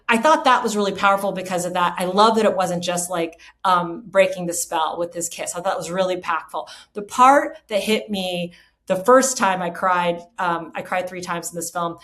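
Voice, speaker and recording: An emotional, enthusiastic woman hosts a casual podcast chat. She rambles happily, piling up fillers and restarts as she gushes about scenes that moved her. Her pitch sits in a middle range for a woman. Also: fairly bright tone. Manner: emotional, moved by film moments. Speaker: podcast host.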